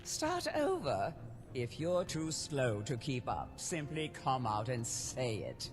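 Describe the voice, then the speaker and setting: An actress playing a haughty, mocking dark elf woman in a fantasy video game, with a theatrical, sneering delivery. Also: very deep voice, wildly swooping pitch, slow pace, heavily acted. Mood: mock sweetness. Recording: game music behind the voice.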